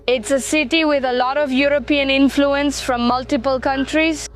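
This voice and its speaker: High-voiced chatty woman vlogger. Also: steady tone, moderate pace, faint music behind. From Mexico. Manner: curious, chatty commentary. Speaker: travel vlogger. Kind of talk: travel vlog narration.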